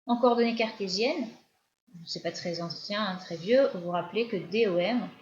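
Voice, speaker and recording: A woman physics teacher with a French accent giving a recorded lecture while writing at the board, often pausing and restarting her sentences. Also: medium pitch. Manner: explanatory, with frequent hesitations and restarts. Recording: dull lo-fi lecture recording with faint hiss.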